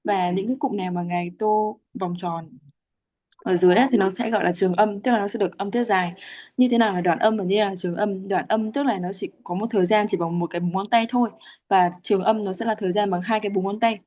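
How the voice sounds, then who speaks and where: A woman's voice: medium pitch, fairly even intonation, fast, darkish tone. A woman from Vietnam, patiently explaining Pali chanting rules with frequent hesitations. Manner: patient, many fillers, spells out syllable lengths. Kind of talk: teaching explanation.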